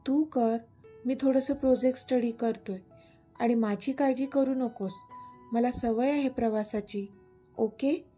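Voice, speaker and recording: A woman voicing a gentle, teasing young husband who talks softly and reassuringly. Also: a little high, a little slow, soft background music, lightly acted. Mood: tender. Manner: soft, affectionate, reassuring.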